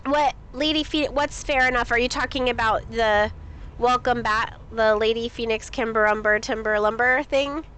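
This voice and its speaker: A woman with a fairly high, fairly bright voice streams a game, speaking at normal speed with fairly even intonation over a little hiss or hum. Sniffly and chatty, she reads things aloud and asks her chat questions during casual live-stream commentary.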